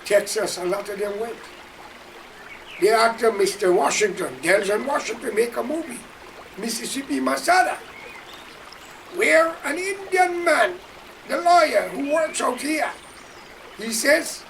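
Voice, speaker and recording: A man's voice: very high-pitched, animated, a little slow, vocal fry, long pauses, a bit bright, far from the mic, slight background noise, low-quality recording. A man from Guyana with a Guyanese accent, delivering an impassioned, preachy political monologue straight to his listeners. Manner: preachy, emphatic, addresses listeners directly. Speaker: political commentator.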